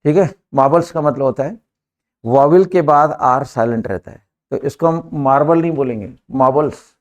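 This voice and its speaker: A middle-aged man teaching English to a live class, drilling students with brisk commands. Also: a little high.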